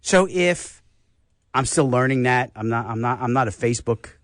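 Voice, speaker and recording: An older man with a New York accent, hosting a radio health talk show and telling stories in a casual, animated way. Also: mid-range voice, normal speed, no echo, studio quality. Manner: animated storyteller, acts out voices.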